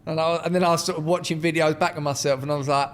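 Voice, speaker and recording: Squeaky Essex man in a reverberant room. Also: steady tone, rapid-fire. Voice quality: squeaky, slightly whiny. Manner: sweary, jokey. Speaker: podcast co-host. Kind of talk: casual comedic banter.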